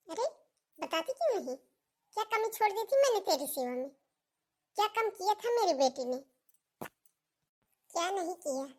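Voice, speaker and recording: A bossy mother-in-law from a family melodrama, acted by a woman in a high, piercing voice. She scolds and mocks without letting up. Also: lightly acted. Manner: shrill, taunting, scolding. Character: scolding middle-aged mother-in-law, harsh and domineering.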